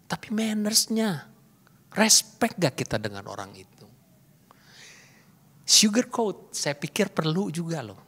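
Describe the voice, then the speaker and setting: A man's voice: high-pitched, bright, forceful tone. A middle-aged male pastor preaching a sermon, asking the congregation questions and slipping English words into his talk. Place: church hall. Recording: echoey church hall.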